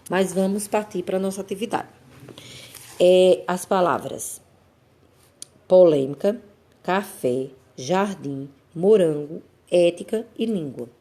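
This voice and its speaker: Low, mellow-voiced Brazilian Portuguese teacher. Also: female voice, breathy edge. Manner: patient, explains slowly and repeats points; stretches out example words to stress syllables. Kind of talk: recorded remote classroom lesson.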